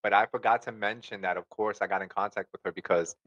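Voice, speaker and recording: A man's voice: on the low side, fairly even intonation, fast, a bit bright, highs cut off. A young man, a podcast co-host, chatting casually and tagging his sentences with "you know" and "right?". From Dominican heritage, New York City. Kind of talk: casual chat.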